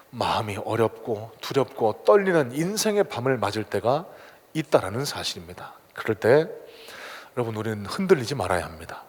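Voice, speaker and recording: Man, pastor, sermon, dramatic swings loud to hushed, lively pitch, church hall reverb. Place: church sanctuary.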